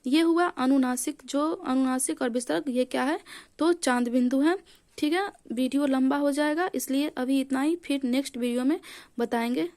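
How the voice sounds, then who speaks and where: A woman's voice: high voice, moderate pace, darkish tone. A woman teaching a grammar lesson for exam preparation, explaining step by step and answering her own questions.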